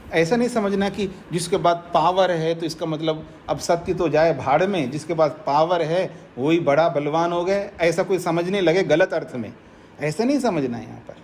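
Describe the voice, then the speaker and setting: A male swami from India delivers a scripture discourse in a lively, rising and falling voice. He drives each point home through repetition and everyday examples, with a faint hum of room ambience behind him. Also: a little high. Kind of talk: spiritual discourse.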